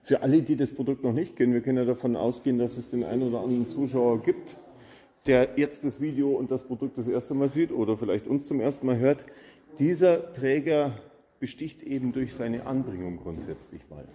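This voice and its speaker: A chatty camping vlogger talks informally in a big showroom hall. His voice sits mellow and dark, and a long hall reverb trails every phrase. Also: medium pitch, fairly quick. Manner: chatty, informal, enthusiastic asides. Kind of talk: casual on-location chat. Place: camper showroom, large indoor hall.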